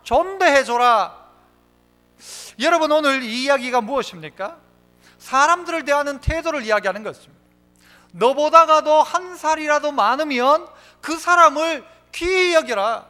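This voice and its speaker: A pastor delivers a sermon in a church sanctuary, his very high-pitched voice animated and sharp at a normal speed. He raises questions for the congregation and answers them, telling stories complete with acted-out voices.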